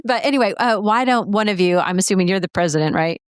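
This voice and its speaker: A woman's voice: medium pitch, animated, quick pace, clear, resonant tone, no room sound. A woman hosting a casual studio interview, chatty and playful. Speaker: host.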